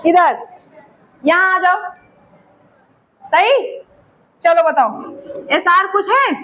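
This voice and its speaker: Very high-voiced woman teacher coaxing students. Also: animated, drawn-out words, fairly bright tone, rough recording. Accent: eastern Uttar Pradesh Hindi. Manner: coaxing, teasing questions to students. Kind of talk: classroom chemistry lesson. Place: classroom.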